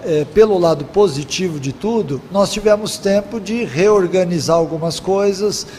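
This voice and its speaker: A man, a football coach, giving measured press conference answers with frequent fillers. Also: on the high side, darkish tone, in a large hall, a little hiss or hum. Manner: measured, repeats 'é' and 'né' fillers.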